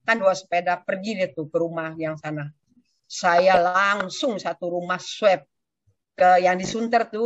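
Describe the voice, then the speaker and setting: Older woman, personal testimony, animated storytelling, acts out quotes, dull lo-fi sound, dry. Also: fairly low pitch, dry recording. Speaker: church community member giving a testimony.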